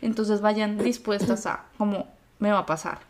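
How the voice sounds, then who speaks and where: A woman's voice: mid-range voice, steady tone, moderate pace, background noise. Candid Colombian woman co-host. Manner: candid, advice-giving, talks straight to listeners. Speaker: podcast co-host. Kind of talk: casual chat.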